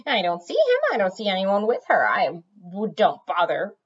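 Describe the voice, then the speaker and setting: Fiddlesticks: a chattering, fussy tomcat, read by a woman, high and lively, storybook voice, dull lo-fi sound. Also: normal speed, husky. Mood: fretful. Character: talkative fretful young male cat.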